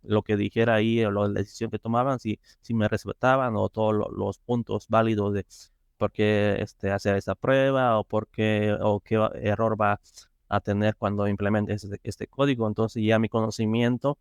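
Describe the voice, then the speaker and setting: A man talks through a casual interview, pausing and restarting often around fillers. His voice sits low and sounds smooth and clear. The sound is dry and close. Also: fairly even intonation, no room sound. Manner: hesitant, many fillers and restarts. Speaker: interview guest, software tester.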